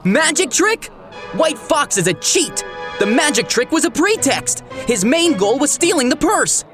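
Confident sheriff dog, actor cast, animated delivery, light music behind. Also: high-pitched, measured pace, exaggerated voice. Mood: urgent. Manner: commanding, explaining.

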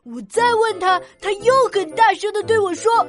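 A woman's voice: extremely high pitch, normal speed. A woman doing a hot-headed little schoolboy. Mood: aggrieved. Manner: sulky, defensive, apologetic. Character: hot-tempered young schoolboy, impulsive. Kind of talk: cartoon voice acting. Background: children's music.

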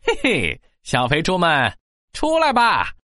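A woman's voice: on the low side, huge pitch swings, bright, forceful tone, dry recording, clean studio sound, full character voice. A woman voicing a boastful, greedy big bad wolf in a children's story, with a sneering, menacing wolf voice. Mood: taunting, boastful. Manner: sneering, menacing wolf voice with drawn-out taunts and exclamations. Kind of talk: children's audio story acting.

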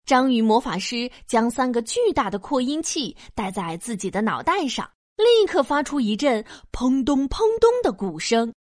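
A woman narrating a scripted children's story in an expressive storytelling manner. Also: fairly high pitch, normal speed, hardly any pauses, no room sound, clean studio sound.

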